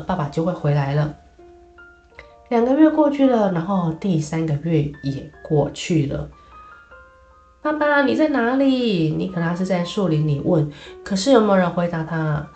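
A woman's voice: on the low side, warm tone, echoey room. A woman telling a children's story in a chatty way, with many filler particles.

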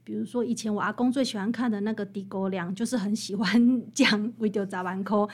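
Speaking fairly quickly with a steady tone and medium pitch, a woman with a Taiwanese Mandarin accent appears as an interview guest discussing her book. She explains and tells stories in an emphatic, conversational style.

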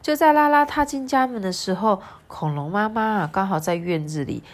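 A woman reads a children's picture book aloud, chatty and lively. She keeps stopping for asides to her young listener, at a middle pitch. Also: moderate pace. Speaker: storyteller.

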